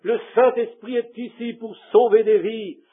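A fervent male preacher with a high, husky voice, pleading with his listeners as he tells the story. The sound is thin and tinny, as if it were coming through a telephone. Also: fairly even intonation, unhurried. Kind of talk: sermon. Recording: tinny phone-like recording.

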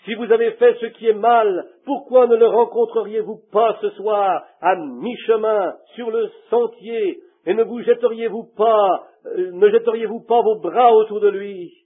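High, husky male preacher on tinny audio. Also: unhurried, few pauses. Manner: fervent storytelling, pleading questions to listeners. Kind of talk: sermon. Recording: tinny phone-like recording.

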